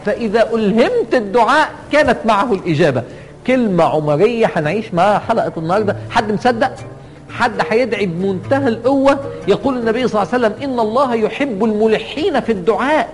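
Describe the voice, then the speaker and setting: An Egyptian man delivers a sermon at a rapid clip, his voice pitched high for a man. He pleads and presses, climbing even higher on each call to God. Clear backing music runs beneath him the whole time. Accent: Egyptian Arabic. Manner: impassioned, rising to pleading highs on invocations. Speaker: preacher. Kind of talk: Ramadan sermon to a live audience.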